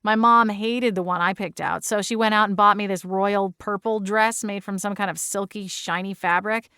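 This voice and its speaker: A woman's voice: mid-range voice, fairly even intonation, normal speed, sharp tone, smooth, no room sound. Friendly young female lead, acted by a woman narrator, wry and casual, dry audiobook sound. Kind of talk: audiobook character voice.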